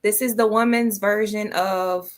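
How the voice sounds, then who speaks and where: A woman's voice: medium pitch, steady tone, unhurried. A woman hosting a podcast in loose, playful chat, slangy and swearing freely. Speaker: podcast host.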